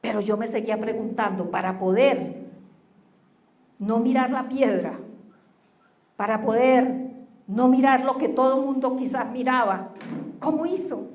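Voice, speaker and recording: A woman pastor delivers a sermon in a high voice, pressing her listeners with rhetorical questions. Her voice rings through a roomy church. She addresses the congregation directly as she preaches. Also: a little mellow.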